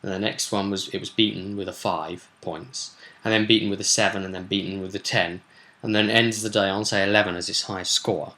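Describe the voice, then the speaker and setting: This game master, a man with a British accent, records a laid-back session recap vlog. His voice sits low yet comes across pushed and bright, with a steady tone and a brisk pace. He rambles colloquially, stopping and starting as he explains.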